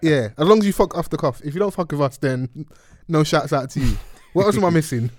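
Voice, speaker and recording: A man's voice: fairly high pitch, expressive, quick pace, darkish tone, dry recording. London roadman podcast host, male, dry sound. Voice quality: roadman slang-heavy speech. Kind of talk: casual chat. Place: studio.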